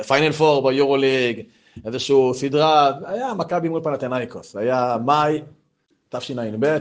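A man, giving an informal Torah talk full of personal stories and rising to loud, animated bursts. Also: mid-range voice. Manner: animated storytelling, voice swells when excited. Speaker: religious lecturer.

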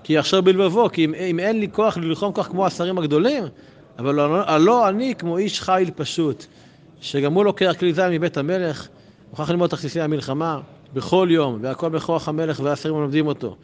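A man leads a religious lesson in a relaxed, conversational way. He poses rhetorical questions and lifts his voice on the points that matter. His speaking voice sits a little high for a man. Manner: conversational, with rhetorical questions and sudden emphatic rises. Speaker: religious teacher. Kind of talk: Torah lesson to a group.

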